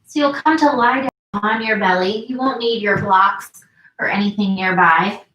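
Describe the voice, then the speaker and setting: A young woman leads a yin yoga session from her home with slow, soothing guidance. Her voice sits in the middle of her range. The room around her gives the voice a noticeable echo. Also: medium pitch, highs cut off. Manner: calm, slow, soothing cues with gentle pauses. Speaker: yoga instructor and counselor. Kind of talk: guided yin yoga instruction. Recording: roomy echo.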